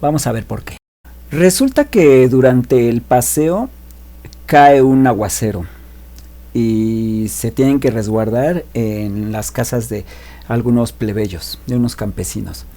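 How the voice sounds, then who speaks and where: Brief: guy retelling a classic tale, mid-pitched, chatty and lively. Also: slow pace. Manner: chatty, animated, frequent tag questions. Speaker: literature video host. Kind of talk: casual story retelling.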